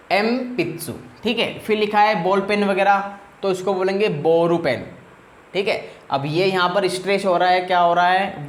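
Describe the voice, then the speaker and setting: A man teaching a classroom language lecture, explaining slowly and repeating each word. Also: high voice, echoey room.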